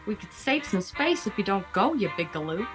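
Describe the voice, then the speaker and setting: A woman's voice: medium pitch, sing-song, a little fast, over music, natural voice. A woman playing a fussy, bossy wife in a comedic audio play. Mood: fussy, teasing.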